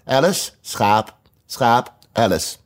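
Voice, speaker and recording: A man's voice: mid-range voice, big pitch swings, a little fast. A man voicing a commanding, bossy queen in a storybook reading. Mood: imperious. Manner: commanding, curt. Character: imperious, bossy queen, female.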